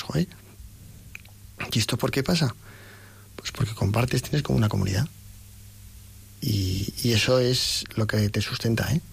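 Gravelly man telling his faith story. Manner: animated, acts out quoted dialogue with rising pitch. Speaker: interview guest. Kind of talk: conversational faith testimony.

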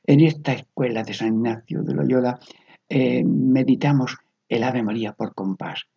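Man, priest, guided meditative prayer, slow soft whispered repetitions, dark gravelly voice. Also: medium pitch, fairly even intonation. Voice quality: gravelly, husky. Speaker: priest leading spiritual exercises. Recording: dull lo-fi recording.

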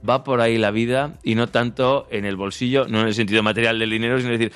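A man speaks as a priest on a radio show. His voice is slightly low and resonant, and he exhorts in an earnest, conversational way over faint music. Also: fairly even intonation, fast talker, a bit bright, smooth. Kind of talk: conversational spiritual advice.

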